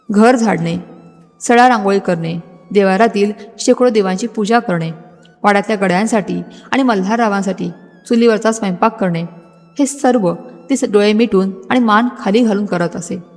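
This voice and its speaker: A woman narrating a scripted, dramatic story in a steady storytelling manner. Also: medium pitch, creaky. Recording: music bed, long hall reverb.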